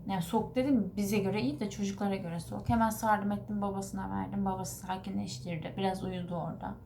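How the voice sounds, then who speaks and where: A woman's voice: mid-range voice, steady tone, quick pace, creaky, warm tone, slight background noise. A woman vlogger and mother talking to the camera, telling a story in a rambling, earnest way and correcting herself as she goes. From Turkey. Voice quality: rambling, self-correcting recounting.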